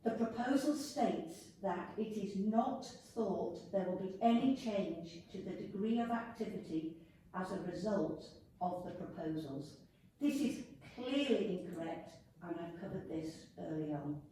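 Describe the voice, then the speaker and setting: Echoey, mellow-voiced woman talking with braces on. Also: mid-range voice, animated, measured pace. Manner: speaking with braces on her teeth. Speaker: member of the public addressing a council committee. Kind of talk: formal prepared statement read at a meeting. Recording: echoey room, distant mic, faint noise.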